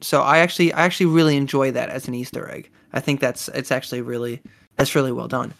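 A chatty podcast co-host talks through an episode in a relaxed, enthusiastic way. The voice sits at a middle pitch, with plenty of fillers and restarts. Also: fast talker, vocal fry. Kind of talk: casual chat reviewing a series episode.

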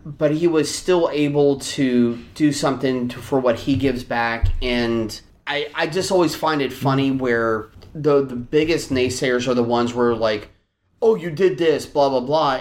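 A man co-hosting a podcast, talking in a rambling, animated way with many restarts and a Virginian accent. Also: medium pitch, moderate pace, hardly any pauses. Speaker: podcast co-host. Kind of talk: casual chat.

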